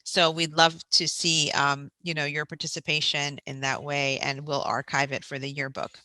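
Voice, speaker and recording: This festival host has a low-sitting voice with a level tone, a moderate pace, and a pushed, bright quality, captured in a dry recording. She makes friendly, informative announcements and reads out a guest's prepared bio.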